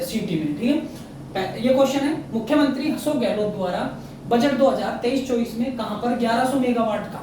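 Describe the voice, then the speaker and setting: Man quizzing students in a very echoey room. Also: extremely high pitch. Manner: repeats facts, quizzes himself, frequent "theek hai na". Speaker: exam prep teacher. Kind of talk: current affairs lesson. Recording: very echoey room, mic far off, faint noise.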